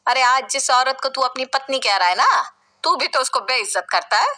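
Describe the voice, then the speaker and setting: A harsh middle-aged mother-in-law, voiced by a woman in a family story. She scolds in a sharp, commanding way, her voice high and bright. Scorn runs through every line. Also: animated, normal speed. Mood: reproachful.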